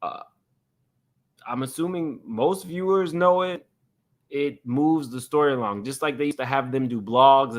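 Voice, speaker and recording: A man's voice: mid-range voice, fairly bright tone. A man hosting casual reaction commentary in a blunt, unapologetic, conversational way. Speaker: host of a commentary channel.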